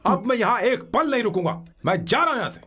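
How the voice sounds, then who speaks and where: A man dubbing an earnest young man who defends his girlfriend against his family, with a husky voice. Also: very high voice, very animated, fast, bright, forceful tone, exaggerated voice. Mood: indignant. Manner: pleading and indignant. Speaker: film hero, dubbed. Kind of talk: Hindi film dubbing.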